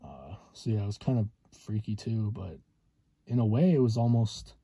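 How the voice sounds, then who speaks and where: In a parked car, a man in his twenties delivers a casual monologue that halts often, with frequent hesitations and long pauses. His lowish voice is very mellow with a husky edge, his intonation is lively, and there's no echo.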